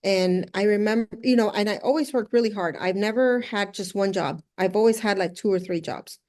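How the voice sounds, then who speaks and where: Speaking a bit quickly in a mid-range, slightly mellow voice, the interview guest shares her story with earnest conversational warmth. She is middle-aged, came to the US from El Salvador when she was six, and works flipping luxury homes.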